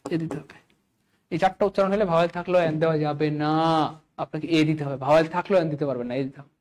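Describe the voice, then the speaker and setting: A man teaching a live exam-prep class, animated and constantly quizzing his students, weaving religious phrases into his lesson. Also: a little high, very fast, low-quality recording. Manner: animated, keeps asking students questions.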